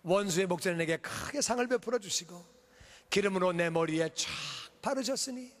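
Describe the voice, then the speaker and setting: A man's voice: high voice, brisk. A male pastor delivering a fervent sermon, driving his points home with emphatic repetition. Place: church sanctuary. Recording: long reverb of a church hall.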